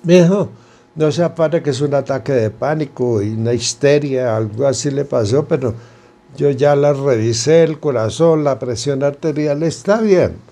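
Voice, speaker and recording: A man's voice: medium pitch, normal speed, dark tone, lightly acted. A man voicing a kindly, reassuring old retired doctor in his seventies or more, with a fatherly manner.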